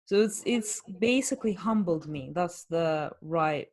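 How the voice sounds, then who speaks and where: A woman's voice: on the low side, expressive, unhurried, a little mellow. A woman, a fitness coach hosting a podcast, chatting candidly and explaining things with rhetorical questions. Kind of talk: casual podcast chat.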